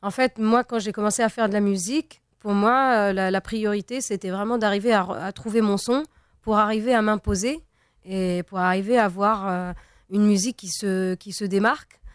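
A woman's voice: medium pitch, steady tone, fairly quick, clear, resonant tone, no room sound, studio quality. A young Tunisian woman, a native Arabic speaker, answering interview questions as a singer, speaking hesitantly with many fillers and restarts. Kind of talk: interview conversation.

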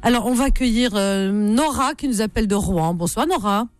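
A woman's voice: mid-range voice, lively intonation, a little fast, dry recording, soft background music. Woman hosting a dry-sounding radio phone-in. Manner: frequent short interjections and affectionate terms to callers. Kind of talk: casual conversational radio hosting.

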